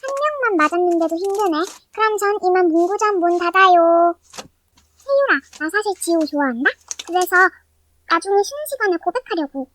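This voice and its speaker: A woman's voice: extremely high pitch, expressive, brisk, a bit bright, slight background noise. A female speaker in a comic skit, talking in a playful, exaggerated way, her voice sped up. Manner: playful, exaggerated tongue-twister delivery. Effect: sped up to 130 percent. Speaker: storyteller voicing her own slime skit. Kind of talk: fast comic skit narration.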